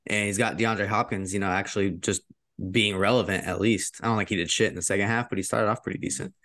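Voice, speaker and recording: A man's voice: lowish voice, fairly even intonation, fast, a bit bright, dry recording, studio quality. A man co-hosting a casual sports podcast, laid-back, swearing freely and laughing often. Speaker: podcast co-host.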